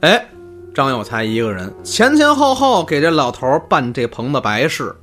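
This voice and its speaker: A man hosting a storytelling podcast, narrating in a lively, chatty way with asides to his co-host. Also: medium pitch, moderate pace, faint music behind.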